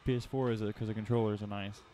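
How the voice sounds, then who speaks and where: A man's voice: fairly low pitch, fairly even intonation, racing, warm tone. A man in his early twenties doing casual movie commentary, swearing a lot and rambling, stammering at times. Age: 20s.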